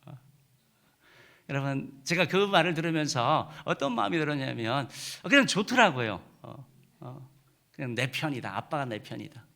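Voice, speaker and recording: Middle-aged male pastor, bright ringing tone, emphatic sermon delivery with frequent "uh" pauses. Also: medium pitch, very animated, creaky. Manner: emphatic preaching with many filler "uh"s. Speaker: senior pastor.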